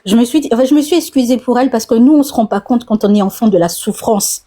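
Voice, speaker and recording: Soft-toned woman in her forties telling her story. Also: fairly high pitch, fast talker. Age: 40s. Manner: hesitant, repeats words, then tells at length. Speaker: caller on a live talk. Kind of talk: casual personal testimony.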